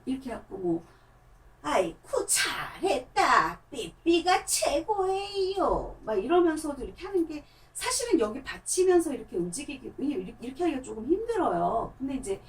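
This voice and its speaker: Woman puppeteer, chatty demonstration, lively pitch, a bit off-mic. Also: distant mic, poor audio. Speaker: hand-puppet theatre performer. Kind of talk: explaining puppetry technique while demonstrating.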